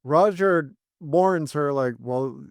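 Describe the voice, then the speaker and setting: A man's voice: a little high, takes it slowly, vocal fry, clean tone, dry recording. A man co-hosting a podcast, casually recapping episodes and acting out the characters' lines. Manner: relaxed storytelling, acts out characters' lines. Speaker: podcast co-host.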